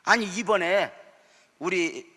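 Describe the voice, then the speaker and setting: A man's voice: high voice, slow pace, sharp tone. A male pastor preaching a sermon, telling stories with humor and acting out his church members' words. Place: church sanctuary. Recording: church hall reverb.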